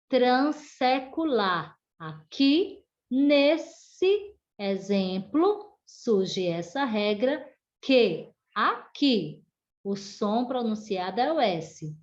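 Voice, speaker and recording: A woman teacher with a Brazilian Portuguese accent, giving an online class to children and dictating word by word. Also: mid-range voice. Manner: slow, deliberate word-by-word dictation. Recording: dull lo-fi home video audio.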